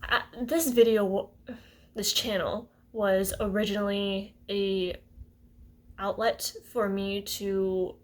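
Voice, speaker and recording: A woman's voice: mid-range voice, level tone, takes it slowly. Hesitant young woman rambling to camera. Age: twenties. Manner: rambling, hesitant, laughs often. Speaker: vlogger. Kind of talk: casual talk to camera.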